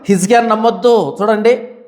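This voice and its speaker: A man's voice: sits high, a little fast, a little mellow. A man preaching in a Bible study, firing off scolding rhetorical questions with fiery conviction. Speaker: pastor. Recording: echoey room.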